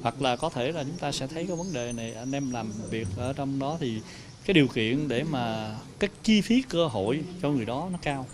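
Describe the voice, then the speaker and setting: A middle-aged man, answering interview questions plainly with halting fillers, outdoors on a handheld mic. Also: medium pitch, animated, crowd noise. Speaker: agricultural zone official. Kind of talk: news interview. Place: outdoors in a park. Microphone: handheld reporter mic. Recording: outdoor insects and birds behind.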